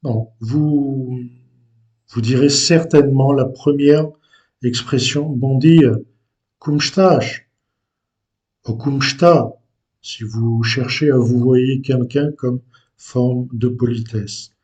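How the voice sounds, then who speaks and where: Slow, hesitant man teaching language. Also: mid-range voice, steady tone, a little mellow. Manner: slow and deliberate, with frequent hesitations. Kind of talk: unscripted language lesson.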